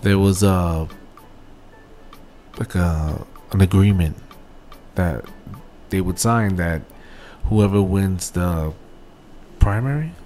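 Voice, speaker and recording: A man's voice: low voice, lively intonation, takes it slowly, long pauses, mellow, soft background music. A man in casual political chat, teasing and pressing with questions, dropping in Spanish words.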